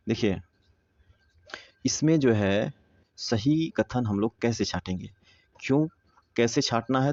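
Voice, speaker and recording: A man with a low, mellow voice teaches an exam prep lesson, walking through each answer step by step. He repeats words slowly as he explains. The sound is dull and close. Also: no echo.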